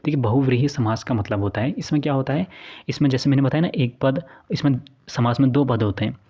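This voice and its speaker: A man's voice: medium pitch, quick pace, warm tone. A man giving an exam-prep lesson, explaining answers step by step and repeating key points back as questions. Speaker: teacher.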